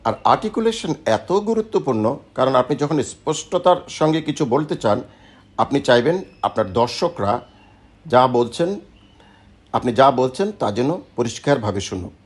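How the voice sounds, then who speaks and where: Husky male voice coach demonstrating drills. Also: mid-range voice, animated, normal speed. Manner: demonstrates drills with repeated syllables and lip trills. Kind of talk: instructional voice lesson.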